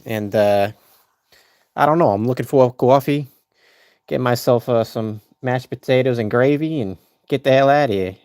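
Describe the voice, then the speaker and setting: A man's voice: medium pitch, moderate pace, darkish tone, dry recording, clean studio sound, close to an everyday voice. A man voicing a brash, swaggering working-class guy with a Boston accent. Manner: swaggering, profane. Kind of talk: playful impression on a live stream.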